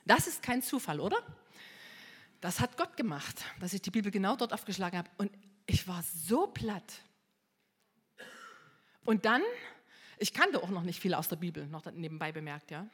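A woman's voice: on the low side, normal speed, pauses often, slightly rough, long reverb tail. Impulsive middle-aged woman from East Germany. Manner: impulsive, animated storytelling that swings from hushed to loud. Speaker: speaker giving a personal testimony. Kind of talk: emotional personal testimony to an audience.

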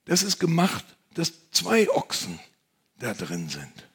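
Husky breathy guy giving a sermon, chatty and confiding, goes quiet then booms. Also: huge pitch swings, slow pace. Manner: conversational, confiding, swings between hushed and loud. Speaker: preacher.

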